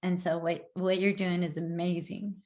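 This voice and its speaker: A woman's voice: fairly low pitch, little pitch movement, moderate pace, darkish tone. A woman hosting a podcast, chatting casually in a gushing, effusive way with lots of fillers. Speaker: podcast host. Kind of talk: casual chat.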